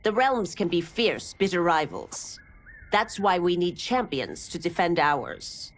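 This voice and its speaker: An actress playing a tough older martial arts teacher in a game cinematic, blunt, knowing and firm. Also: female voice, on the low side, sing-song, unhurried, heavily acted. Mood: firm, earnest. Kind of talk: video game cinematic acting.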